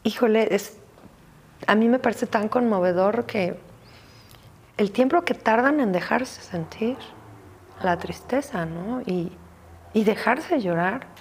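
With long pauses and a slow pace, a Mexican-accented therapist from Mexico chats informally about emotions, sprinkling in "¿no?" tag questions. Her voice is mid-range, and a little hiss or hum can be heard.

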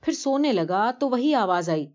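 Woman voicing a humble old pilgrim man for a story reading, lowered voice, earnest and slow, dull lo-fi sound. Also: lively intonation, darkish tone, lightly acted. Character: poor elderly man, devout pilgrim, humble. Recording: dull lo-fi recording.

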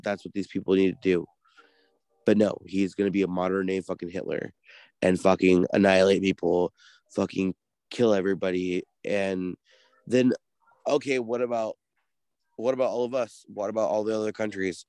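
A man's voice: low voice, flat delivery, normal speed, darkish tone, no echo. A man co-hosting a casual podcast, ranting in a heated, profane way. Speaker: podcast co-host.

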